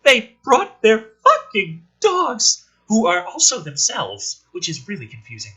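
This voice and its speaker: A husky man's voice sits high and swings hugely in pitch, pushed and bright, moving a little slowly. He has a slightly sick throat from being a bit ill. Acting as host, he reads a film script out loud while mocking it, ranting and joking with plenty of swearing, sarcasm and exasperation.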